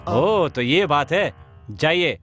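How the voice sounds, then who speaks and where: A man's voice: on the high side, very animated, takes it slowly, fairly bright tone, soft background music, exaggerated voice. A young man dubbing a sly nephew who teases and threatens his elders. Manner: sly, teasing. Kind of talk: dubbed film comedy. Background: film score.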